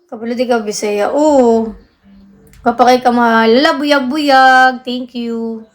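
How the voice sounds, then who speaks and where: A woman's voice: on the high side, fairly even intonation, measured pace. A young woman hosting a casual livestream, chatting, answering viewer comments and thanking gifters. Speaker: livestream host.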